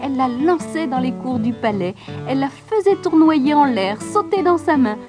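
A woman narrating a fairy tale in a high, lively, sing-song voice. Her reading is expressive and scripted, with a plucked guitar playing softly behind. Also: moderate pace. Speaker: storyteller.

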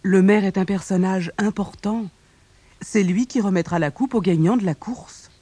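A storyteller voicing a woman who runs a riding stable, speaking low and soft. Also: normal speed, no echo, lightly acted. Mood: regretful. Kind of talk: storybook reading.

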